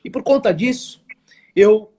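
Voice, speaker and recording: Speaking unhurriedly with lively intonation, a São Paulo man in his forties shares his story as a guest on a live interview. He's a network marketing entrepreneur whose voice is high for a man, husky and mellow. His delivery is earnest, emphatic and formal, full of restarts.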